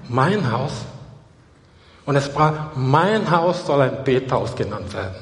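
Emphatic preacher with a ringing hall echo. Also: male voice, on the high side. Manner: emphatic, repeats key phrases. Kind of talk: sermon. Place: church.

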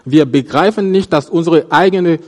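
A man preaching a sermon on a Bible passage, halting and restarting often, his voice rising on quoted verses and dropping at the ends of phrases. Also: fairly high pitch, darkish tone, big-room sound. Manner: halting, with repeated restarts and stammers.

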